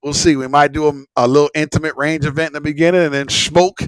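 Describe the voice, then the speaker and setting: A man's voice: fairly high pitch, steady tone, fast, clear, resonant tone, no room sound. A man hosting a casual livestream chat, rambling and repeating himself with slang and frequent swearing. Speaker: host of a live smoke-session stream.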